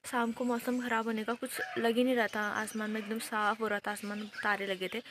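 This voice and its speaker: A woman's voice: a little high, flat delivery, fairly quick, reverberant. A woman in her thirties from Uttarakhand in India, chatting casually in a home vlog as she narrates her chores in the kitchen. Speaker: vlogger. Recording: noisy home recording.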